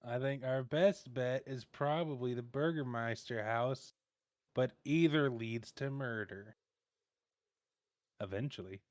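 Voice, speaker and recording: A man's voice: mid-range voice, slow, no echo, clean studio sound. A man playing a tabletop game, making blunt, wry remarks in casual chat. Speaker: player.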